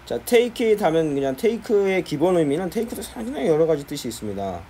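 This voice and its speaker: A man's voice: a little high, sing-song, normal speed, mellow, a little hiss or hum. A man teaching English phrases in Korean, explaining patiently and repeating key phrases for his students.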